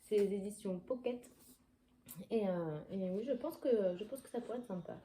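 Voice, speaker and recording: Mellow-voiced woman chatting in a roomy space. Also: mid-range voice, normal speed, a little hiss or hum. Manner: chatty, digressive, many hesitations. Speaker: book vlogger. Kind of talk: casual book haul chat.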